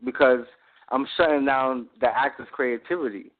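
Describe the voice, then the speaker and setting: Jokey man director over a phone line. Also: medium pitch. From born in Puerto Rico, raised in Brooklyn. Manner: lively, jokey, quick to laugh. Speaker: director of a web series. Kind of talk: casual interview chat. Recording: tinny phone-line audio.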